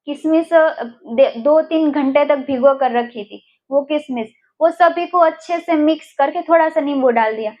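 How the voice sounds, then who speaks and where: Slow, high-voiced woman explaining recipes. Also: darkish tone, lo-fi sound. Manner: unhurried, pausing often with fillers. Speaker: cooking presenter. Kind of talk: relaxed spoken recipe demonstration.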